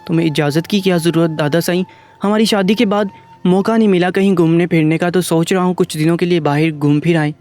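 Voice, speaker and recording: An affectionate young grandson, eager and upbeat, as read by a man narrator. The voice is a little high for a man. Faint music runs underneath. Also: close to an everyday voice. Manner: excited, eager.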